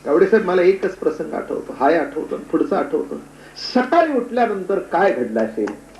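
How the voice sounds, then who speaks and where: Male preacher, devotional storytelling, hushed to loud, roomy hall, faint hum. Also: sits high, big pitch swings, normal speed. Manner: dramatic, swings between hushed and loud. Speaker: kirtan preacher.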